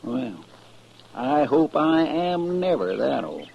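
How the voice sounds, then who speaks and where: An actor playing a folksy, plaintive young cowboy sidekick with a rural Western American drawl, in the style of an old-time radio western. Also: male voice, mid-range voice, big pitch swings, slow pace, gravelly, slightly rough, exaggerated voice. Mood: folksy, chatty. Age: young adult. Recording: dull vintage AM radio recording.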